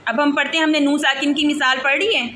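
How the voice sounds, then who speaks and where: A woman's voice: high-pitched, fairly even intonation, fast, sharp tone. A woman from Pakistan teaching a one-on-one tajweed lesson, patiently asking questions and stretching out syllables to demonstrate. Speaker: Quran recitation teacher. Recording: echoey room with clear background noise.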